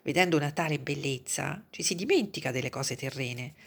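A woman reading the lines of an earnest young man who pleads fervently about art, in a low, husky voice. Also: expressive, a little fast, full character voice.

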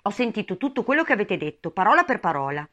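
A woman's voice: mid-range voice, sing-song, fast, bright, forceful tone, lo-fi sound. A woman voicing a sleepy dormouse with a weak, choked voice, talking in a hurry. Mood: drowsy.

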